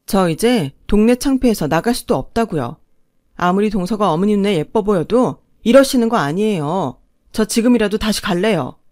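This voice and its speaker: A woman's voice: mid-range voice, a little mellow, dry recording, natural voice. A woman voicing a fed-up eldest daughter-in-law who answers back in a firm, indignant tone, in a dry recording.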